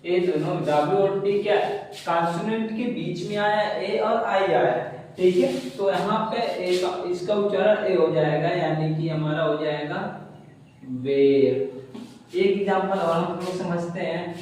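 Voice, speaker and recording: A man's voice: sits high, a little mellow, slight background noise. A man teaching English pronunciation, spelling words out letter by letter and answering his own rhetorical questions. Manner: slow, repetitive explaining. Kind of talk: classroom-style lesson. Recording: echoey room.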